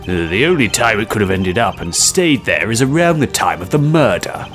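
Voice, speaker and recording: A man's voice: fairly low pitch, big pitch swings, a bit bright, soft background music. Phoenix Wright, a man voicing a confident lawyer. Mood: assertive. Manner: deliberate, emphatic courtroom delivery. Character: confident young male defense lawyer.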